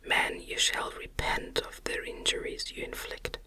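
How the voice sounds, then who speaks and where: Here the same gothic creature, wretched and male and bent on revenge, speaks through a narrator's stifled, airy ASMR whisper using lofty, menacing old-fashioned language. Delivery runs a touch slow with a natural voice, and the feeling is tormented and vindictive.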